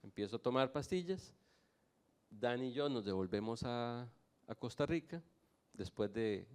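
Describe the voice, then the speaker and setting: Here is a man born in Nicaragua giving his testimony to a church audience. His voice sits at an ordinary middle pitch, and he tells his story with easy, lightly humorous anecdotes. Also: a little mellow, clear, resonant tone.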